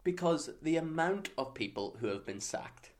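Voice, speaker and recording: Chatting casually as a podcast co-host, a young Northern Irish man rambles, laughs often, and leans on fillers. His voice is slightly high and animated, at a moderate pace.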